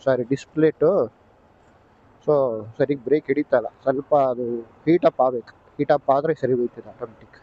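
A man's voice: medium pitch, fairly even intonation, fairly quick, pauses often, lo-fi sound. A man vlogging as a motorbike rider, giving in to his scolding bike in a comic sketch. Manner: weary, placating, gives in. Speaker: motovlogger and rider.

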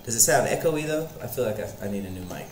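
A man's voice: fairly low pitch, expressive, fast, a little hiss or hum. A man casually chatting to himself on a live game stream while he tests his webcam microphone, speaking from a home setup. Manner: talks to himself while testing his mic, loose and playful. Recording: echoey room with game sound behind.

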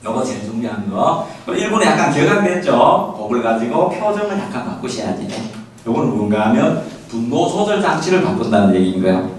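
A man lecturing parents on child discipline, animated, often acting out what parents and children say. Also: mid-range voice, brisk. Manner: lively, acts out quoted parents and children; laughing often with the audience. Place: lecture hall. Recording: echoey hall, voice from far off.

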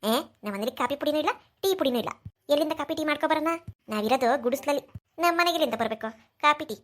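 A woman voicing a sharp-tongued, jealous village mother in a cartoon, with a grumbling, sarcastic way of talking. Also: sits high, quick pace. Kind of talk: cartoon voice acting.

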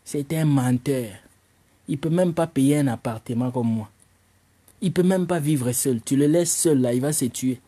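Guy doing a mocky comedy rant, husky mellow voice, teasing everyone. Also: mid-range voice, a little slow. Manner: mocking, lively, teasing the audience. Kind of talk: stand-up comedy monologue.

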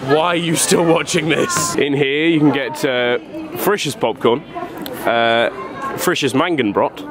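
Deadpan man joking in a loud crowd. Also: fairly high pitch, takes it slowly. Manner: deadpan, jokey, mangles German words. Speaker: vlogger's companion. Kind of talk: mock tour-guide banter. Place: outdoor city Christmas market.

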